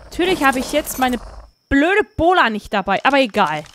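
A woman giving casual gameplay commentary as a let's play gamer, gushing and cooing over cute creatures and repeating words in excitable bursts. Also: high voice, normal speed.

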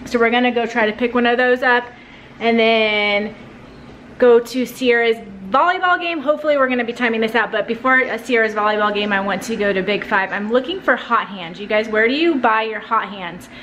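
A chatty woman in her thirties talks to a handheld camera for a family vlog, her voice on the higher side. She rambles along with plenty of fillers as she runs errands. Faint road noise hums in the background. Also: fairly quick, a bit bright. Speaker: family vlogger. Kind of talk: casual family vlog chat.

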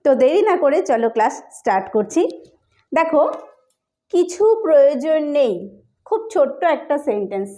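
High-voiced Bengali woman teaching English phrases. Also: animated, dark tone. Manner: slow, carefully drilled repetition of phrases. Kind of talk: spoken English lesson for beginners.

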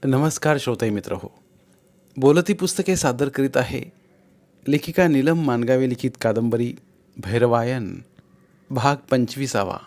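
A man narrating a novel chapter as an audiobook reader, in a measured storytelling manner. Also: mid-range voice, a little mellow. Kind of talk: novel reading.

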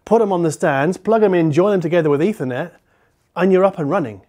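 This presenter, a man in his forties, has a high, warm voice and a quick pace as he reviews an audio product to camera. He breaks it down step by step in informal terms, from a medium-sized living-room listening room indoors.

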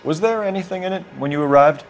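An actor playing an earnest, formal 1940s American police detective in a video game. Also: male voice, high-pitched, fast talker, lightly acted. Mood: questioning, firm. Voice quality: formal, businesslike. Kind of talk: period detective game acting. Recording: music behind.

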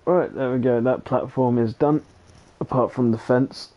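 A man's voice: mid-range voice, fairly even intonation, normal speed. A man streaming a game with a friend, chatting casually and chuckling as he thinks aloud. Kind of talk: casual gaming chat. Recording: dull lo-fi stream audio.

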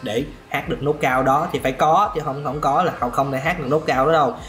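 A man teaching singing in a lively question-and-answer lesson, often chuckling and demonstrating voices. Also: a little high, quick pace. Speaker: vocal coach. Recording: roomy room with faint music.

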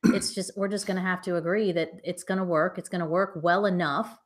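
A woman's voice: fairly low pitch, steady tone, fairly quick. A woman in her thirties co-hosting a casual chat from a living room couch, teasing and chatty, often tagging lines with "right?". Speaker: co-host of a reselling channel.

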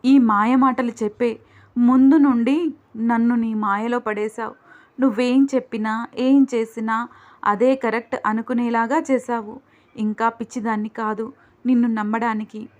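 A woman's voice: fairly high pitch, normal speed, long pauses, natural voice. Woman reading a scornful, accusing young wife. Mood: angry. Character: angry distrustful young wife and mother. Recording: dull lo-fi recording.

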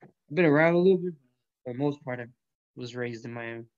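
A young man from Colombia speaks fast in a medium-pitched, darkish voice while hosting an online audio room about food and math. He's laid-back, using profane slang with plenty of "bro" and "yo." He's in a small indoor room, though there's no room sound and the highs are cut off.

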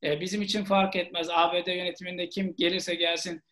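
High-pitched male seminar lecturer. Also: flat delivery, a little fast, fairly bright tone. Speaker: seminar lecturer, Gulf studies expert. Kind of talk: online seminar question-and-answer. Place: small plain room indoors. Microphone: video call, earphone headset.

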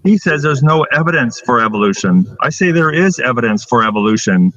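A middle-aged man debating over a video call, making his case point by point in a steady way. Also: medium pitch, fairly quick, highs cut off. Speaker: atheist debater. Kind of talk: casual debate.

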